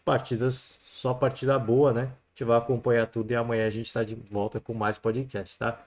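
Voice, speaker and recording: A man's voice: mid-range voice, little pitch movement, moderate pace. A man with a Brazilian accent hosting a sports podcast alone, giving casual football commentary in a chatty way. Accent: Brazilian Portuguese. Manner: chatty, peppers talk with "né" and "cara".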